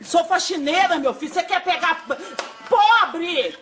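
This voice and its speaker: Flustered high-voiced woman on a call. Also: expressive, unhurried, music in the background. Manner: flustered, exclaiming, nervous laughter. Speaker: call recipient. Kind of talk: phone call.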